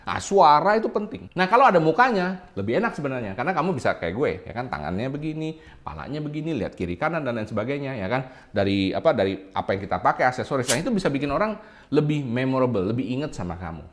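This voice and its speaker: A man giving casual, animated tutorial talk to viewers as a YouTube growth coach, with playful asides and swooping intonation. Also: medium pitch, fast talker.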